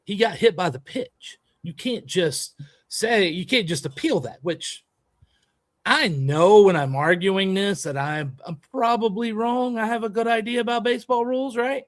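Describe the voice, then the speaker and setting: A man co-hosting a podcast, telling a story in a lively, emphatic way and acting out a heated argument. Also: high voice, normal speed, no echo. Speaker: podcast co-host and youth baseball coach. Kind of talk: animated storytelling in casual chat.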